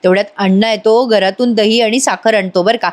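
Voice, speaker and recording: A woman's voice: medium pitch, steady tone, fairly quick, a little mellow. A woman narrating a voice-over episode recap in a chatty, storytelling way, with frequent asides to her viewers. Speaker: serial review narrator.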